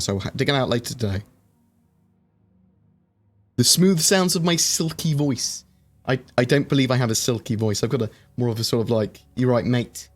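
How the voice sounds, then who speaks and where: A talkative streamer with a mid-range voice runs a casual Q&A on his livestream. He reads out what viewers ask and responds with many filler words.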